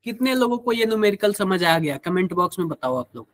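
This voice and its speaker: A man's voice: high voice, sing-song, fast talker, no room sound. A man with a Hindi accent teaching a live online chemistry class, quizzing students and using everyday examples.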